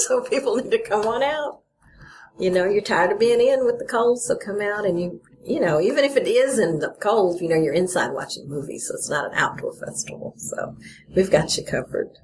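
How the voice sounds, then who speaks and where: A woman's voice: medium pitch, sing-song, moderate pace, darkish tone. A middle-aged woman from Texas, a festival organizer talking casually in an interview, laughing often and saying "you know" a lot. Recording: faint background noise.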